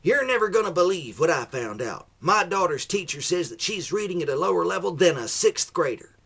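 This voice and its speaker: A man voicing an indignant, semi-literate parent who rants online in an overblown, high-pitched way. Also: very animated, brisk, creaky, a bit bright, slightly rough, exaggerated voice. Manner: overblown, ranting.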